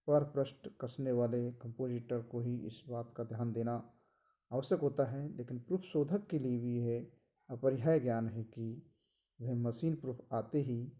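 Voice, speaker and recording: A man giving a college lecture, explaining slowly and deliberately, often repeating phrases. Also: mid-range voice, warm tone. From India. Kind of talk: recorded lecture.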